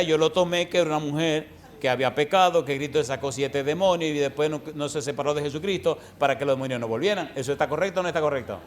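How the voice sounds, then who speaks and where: A man preaching to a congregation in a voice pitched a little above most men's. He hammers the same question again and again until the people answer. When he reads scripture he slows right down and leans on each phrase. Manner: emphatic, repeats rhetorical questions to the congregation. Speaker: pastor. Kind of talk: sermon. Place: church service with a congregation answering.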